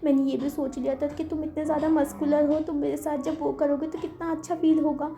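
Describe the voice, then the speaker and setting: A woman's voice: sits high, flat delivery, a little fast, dark tone. A woman voicing a heartbroken, furious young man. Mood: tearful pleading.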